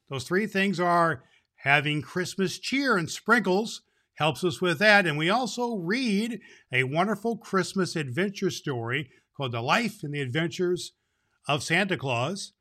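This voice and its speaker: A man playing Santa Claus as a jolly, hearty old man, hosting and reading to children in a folksy, slightly halting way. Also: fairly high pitch, pushed and bright. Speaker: host and story reader. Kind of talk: children's holiday podcast talk and story reading.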